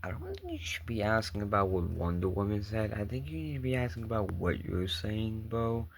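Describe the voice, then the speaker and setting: A man's voice: fairly low pitch, wildly swooping pitch, a little fast, vocal fry, a little hiss or hum. A man reading messages aloud and reacting casually, in a baffled, disbelieving manner. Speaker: video creator reacting to viewer messages.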